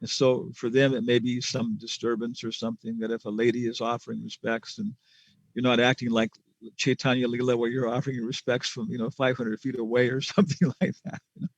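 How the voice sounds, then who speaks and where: A man's voice: medium pitch, level tone, fairly quick, dry recording. A man answering students' questions in a casual class, rambling with many fillers and chuckles.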